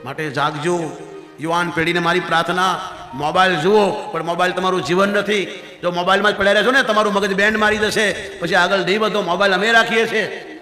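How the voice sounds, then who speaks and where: High, bright-voiced male preacher in an echoey hall. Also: brisk, soft background music. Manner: animated storytelling, acting out characters' voices. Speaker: religious storyteller. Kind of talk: devotional katha sermon.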